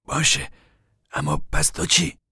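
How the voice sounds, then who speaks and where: A man's voice: medium pitch, big pitch swings, gravelly, sharp tone, husky, no echo, clean studio sound, voice pushed up, heavily acted. A man voicing an impulsive, defiant young man who protests being ordered around.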